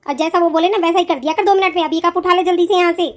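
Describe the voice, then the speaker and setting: Harsh bossy mother-in-law, high cartoon voice, woman voicing. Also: fairly even intonation, very fast. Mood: scolding. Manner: scolding, threatening. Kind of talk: cartoon voice acting.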